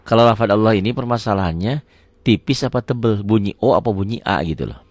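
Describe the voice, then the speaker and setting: A man's voice: on the low side, fast, a little mellow, no echo. A middle-aged man teaching a Quran recitation lesson, patiently repeating words aloud and asking questions he answers himself. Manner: asks the class questions and answers them himself. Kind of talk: tajwid lesson.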